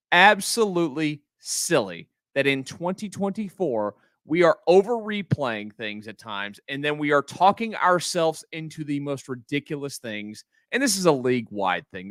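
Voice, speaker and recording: A man's voice: medium pitch, a bit bright, no room sound, studio quality. A middle-aged man hosting a post-game sports podcast, ranting in an exasperated, emphatic way and restarting his sentences often.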